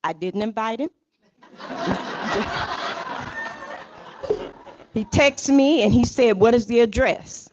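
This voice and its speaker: A woman's voice: fairly high pitch, takes it slowly, pauses often, noisy background. An older woman accepting an award, speaking off the cuff with emotion and building to rousing emphasis. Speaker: award honoree giving acceptance speech. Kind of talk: heartfelt acceptance speech. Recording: dull, muffled recording.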